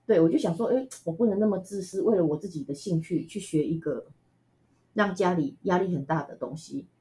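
A woman from Taiwan with a Taiwanese Mandarin accent, telling stories as an interview guest in a chatty, animated way with frequent laughs. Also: on the low side, fairly quick. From Tainan, Taiwan. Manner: chatty, animated, laughs often, many fillers. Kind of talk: casual storytelling interview.

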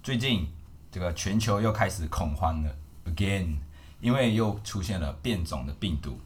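A man's voice: low-pitched, expressive, normal speed. A man from Malaysia hosting a podcast, chatting playfully and mixing in English phrases. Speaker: podcast host. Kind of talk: casual chat.

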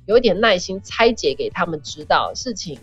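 A woman's voice: on the low side, a little fast, husky, faint music behind. A middle-aged woman, a podcast guest, telling family stories and acting out the voices of the people in them in casual chat. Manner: animated storyteller, acts out family members' voices. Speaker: podcast guest sharing parenting advice. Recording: dull, dry podcast audio.

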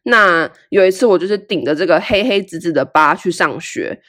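A young woman, hosting a podcast and telling a personal story in a candid, casual way. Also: moderate pace. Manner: candid and animated, with big swings in pitch. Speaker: podcast host.

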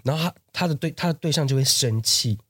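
A man, co-hosting a casual podcast chat and telling a story with lively, acted-out quotes. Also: fairly high pitch, fast, slightly rough, no echo, studio quality. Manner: animated storyteller who acts out quoted voices. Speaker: podcast co-host.

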